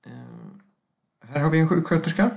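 A man teaching a language lesson, speaking slowly and carefully with many hesitation sounds and repeating phrases for learners to say after him. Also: a little high, lively intonation, gravelly.

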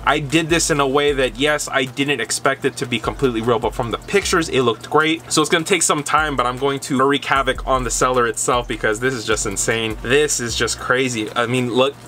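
A man's voice: mid-range voice, a little fast, few pauses, slight background noise. A young man hosting a casual unboxing vlog from a dim room at home, talking straight to the camera. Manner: animated, talks straight to camera with gestures. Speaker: resale vlogger.

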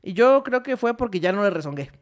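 A young woman with a Mexican accent tells a story on a casual podcast. She is animated and acts out everyone's lines, with her pitch at an ordinary middle level. She laughs easily as she talks. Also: a little fast. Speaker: podcast co-host.

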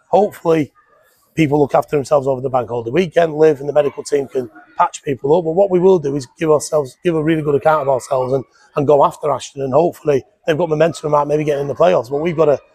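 Fast-talking husky football manager. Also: male voice, on the high side, no echo. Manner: animated, repeats words when fired up. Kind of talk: post-match interview. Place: stadium press box. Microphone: headset mic.

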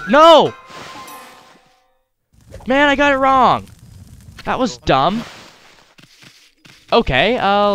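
Casting: playful male gaming host, higher-pitched voice, casual commentary over faint game music. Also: a bit bright. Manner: playful, jokey, puts on voices and noises. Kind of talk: casual let's-play commentary.

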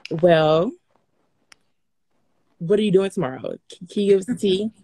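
Woman, bubbly fan caller on a phone live stream, gushing and fast-talking. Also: on the low side, lively intonation, dark tone, husky, no echo. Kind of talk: excited casual chat.

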